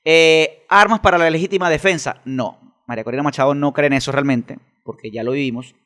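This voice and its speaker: A man's voice: fairly high pitch, a little fast, fairly bright tone. A Venezuelan man with a Venezuelan accent, a guest in an interview who argues emphatically and fires off rhetorical questions. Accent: Venezuelan Spanish. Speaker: interview guest, political activist. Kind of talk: casual interview talk.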